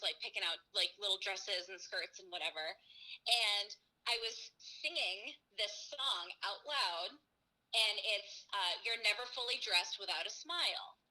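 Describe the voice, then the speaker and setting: A young woman telling a story in a casual chat, animated, laughing and swearing freely. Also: mid-range voice, low-quality recording. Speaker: girlfriend answering viewer questions.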